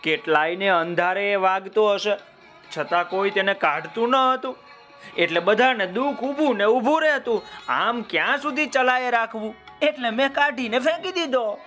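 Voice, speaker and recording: A man's voice: sits high, normal speed, sharp tone, soft background music, pitched above the performer's own voice. A man voicing a determined village boy who speaks in a firm, earnest way in a children's story.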